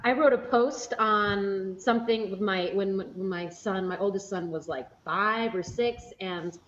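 A woman's voice: mid-range voice, measured pace, a bit bright. A woman co-hosting a casual faith-based talk show, chatty and a little hesitant, with many fillers. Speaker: podcast co-host. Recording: slightly muffled audio with faint noise.

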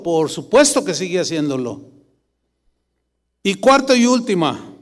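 A middle-aged man preaching a sermon as pastor, animated and rising to emphatic bursts. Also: sits high. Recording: long church reverb.

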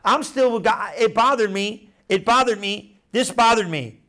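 A middle-aged pastor preaching a sermon, animated, repeating phrases and drawing replies from the congregation. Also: male voice, high-pitched, moderate pace.

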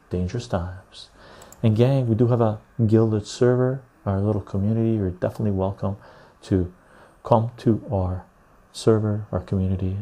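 A man hosting a casual live stream into a clip-on lapel mic, chatting to viewers in a chill, husky, gravelly voice. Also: low voice, warm tone. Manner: chill, unhurried talk addressed to viewers. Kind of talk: casual livestream chat.

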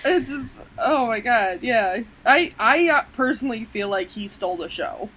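A woman chatting on a podcast with a fairly high voice. She is animated, laughs a lot and swears casually. The audio is dull and lo-fi. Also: normal speed, slight background noise. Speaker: podcast co-host.

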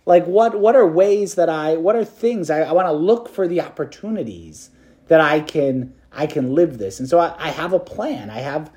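Chatty priest with a slightly high voice. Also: male voice, expressive, normal speed, warm tone. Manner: conversational, peppered with "like" and "right?"; light self-deprecating humor. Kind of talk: preached meditation to students.

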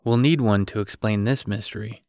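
A man's voice: fairly low pitch, moderate pace, darkish tone, dry recording, close to an everyday voice. A man doing a wary, dry-humored dad. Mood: guarded. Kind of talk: audiobook character reading.

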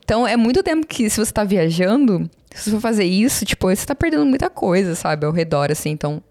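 A woman's voice: medium pitch, big pitch swings, fast talker, a little mellow. A Brazilian woman chatting casually as a guest, talkative and self-deprecating, with many fillers. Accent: Brazilian Portuguese. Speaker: guest, social media marketer. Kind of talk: casual conversation.

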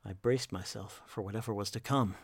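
A man narrating a horror story in a slow, measured, hushed delivery. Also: fairly low pitch, breathy edge, no room sound.

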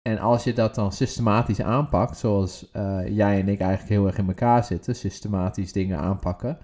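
A man's voice: lowish voice, fairly even intonation, moderate pace, a little mellow. A man co-hosting a podcast, talking in a methodical, searching way in casual chat. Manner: methodical, hesitant, with many fillers and restarts. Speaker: podcast co-host.

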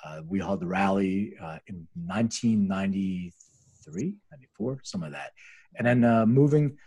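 This middle-aged American man, born in Lithuania and based in Philadelphia, founded a medicinal cannabis company and is a guest on a podcast. His low voice is dark and a bit rough, moving at a moderate pace. He tells his story in a loose, rambling, explanatory way, as if chatting.

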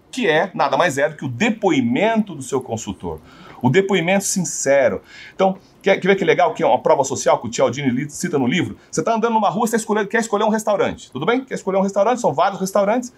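Brazilian male sales trainer, husky tone, very expressive intonation, teaching a room of salespeople. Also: high voice. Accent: Brazilian Portuguese. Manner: animated, asks the audience rhetorical questions.

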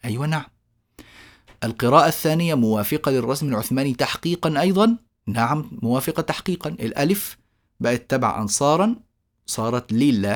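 Man teaching, drawing words out. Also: medium pitch. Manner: slowly draws out example words when reciting them; poses questions to his students and answers them himself. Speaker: Quran recitation teacher. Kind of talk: explanatory lecture.

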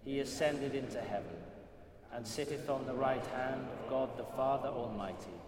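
Give me a man reciting a creed in a cathedral echo, heard from far off amid a loud congregation. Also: medium pitch. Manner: steady, measured recitation. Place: large church during a service. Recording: distant voice in a reverberant cathedral with a large congregation. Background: congregation reciting along.

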